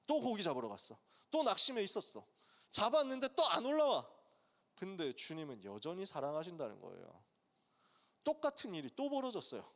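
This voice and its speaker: A man's voice: high-pitched, huge pitch swings, brisk, a bit bright. A male pastor giving a sermon to students in a casual, colloquial storytelling way, acting out the dialogue. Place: church sanctuary. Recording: long hall reverb.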